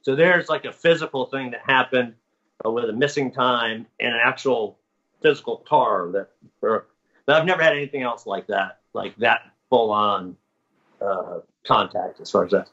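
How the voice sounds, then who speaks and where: A man talking as an interview guest, winding through his story with restarts and corrections. His tone is bright and forceful. The recording sounds muffled and lo-fi. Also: medium pitch, normal speed. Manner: rambling, self-correcting narration. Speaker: guest recounting experiences. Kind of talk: casual storytelling. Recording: dull lo-fi audio.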